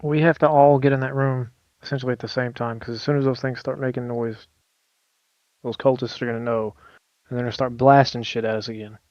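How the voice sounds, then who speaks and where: A man's voice: mid-range voice, steady tone, a little fast, a little mellow, dry recording, dull audio. A man playing a tabletop game, taking charge and planning tactics for his group. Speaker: player.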